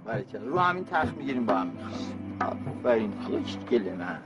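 An actor playing an addicted father who coaxes his small child softly, then shouts in fury, with music under the scene. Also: medium pitch, sing-song, close to an everyday voice. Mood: gentle coaxing. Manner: shifts from soft coaxing to shouting. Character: man, addicted father, tender then explosive.

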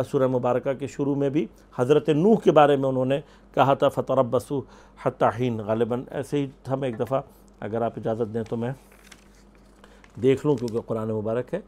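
A man's voice: medium pitch, darkish tone. A man teaching Quran commentary, explaining verses with rhetorical questions and quoted Arabic. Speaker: religious scholar.

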